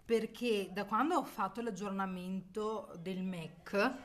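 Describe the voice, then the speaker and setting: In her home kitchen, a young Italian-accented vlogger mom chats easily with her audience and coos singsong words to her baby. She speaks slowly at a medium pitch.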